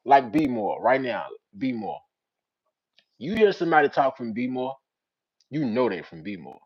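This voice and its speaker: A young man with a Richmond, Virginia accent, hosting a casual live-stream chat with viewers. He uses street slang and breaks into loud teasing. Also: mid-range voice, sing-song, moderate pace, slightly rough, lo-fi sound. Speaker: channel host.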